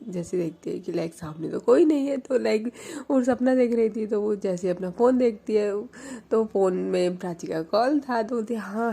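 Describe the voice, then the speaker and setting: A woman's voice: mid-range voice, gravelly, warm tone, breathy edge. A woman storyteller narrating a romance in a chatty, conversational way. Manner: chatty, conversational retelling with fillers.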